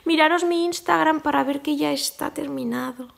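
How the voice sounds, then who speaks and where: Woman, high voice, crochet tutorial host, affectionate, emotional, soft whispers at times. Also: normal speed, creaky. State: tearfully emotional. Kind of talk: casual crochet tutorial chat.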